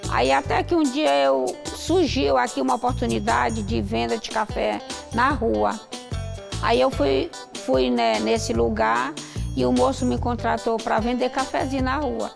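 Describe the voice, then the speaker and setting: Gravelly Maranhão woman recalling her past. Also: fairly high pitch, steady tone. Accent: Maranhão Brazilian Portuguese. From interior of Maranhão, Brazil. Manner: halting, restarting storytelling. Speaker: street vendor interviewee. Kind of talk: personal recollection. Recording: music under the voice.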